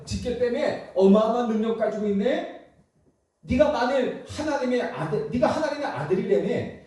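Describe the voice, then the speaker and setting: A preacher playing a mob of sneering men, their voices pushed well above his own into a high, goading pitch. They taunt and jeer. The sound is distant and echoing, like a church hall heard from the back. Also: warm tone. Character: jeering crowd of men mocking a condemned man. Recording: echoey church hall from far off.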